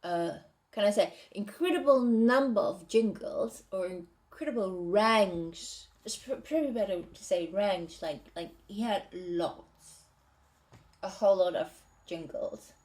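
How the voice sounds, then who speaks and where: A woman reads from her novel draft and talks it over, hesitant and pausing to rethink her wording. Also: medium pitch, darkish tone. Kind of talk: casual reading and commentary.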